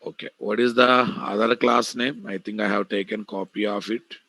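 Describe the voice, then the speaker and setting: A man's voice: on the low side, steady tone, normal speed, pushed and bright, dry recording, rough recording. A man with an Indian Telugu accent teaching a live online programming class, bluntly addressing students and repeating key phrases. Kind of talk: live online technical lecture.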